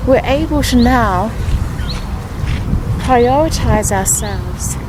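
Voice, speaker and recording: A woman guiding a grounding meditation, speaking positive affirmations with pauses and repetition. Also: fairly high pitch, expressive, very noisy. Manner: slow, pausing grounding-exercise delivery with repeated affirmations. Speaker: meditation guide.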